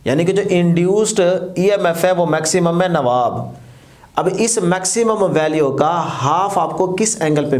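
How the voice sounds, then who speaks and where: A male physics teacher, explaining step by step, asking his students questions and slowing down to spell out equations as he writes. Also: high voice. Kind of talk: classroom lecture.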